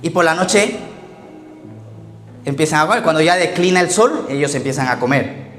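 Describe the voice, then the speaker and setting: Un pastor que predica un sermón contando anécdotas, hace preguntas a la congregación y se ríe de sus propios chistes. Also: male voice, fairly high pitch, expressive, moderate pace, a bit bright. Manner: storytelling, asks the congregation questions, laughs at his own jokes. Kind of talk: sermon. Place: church hall. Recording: echoey church hall with faint music.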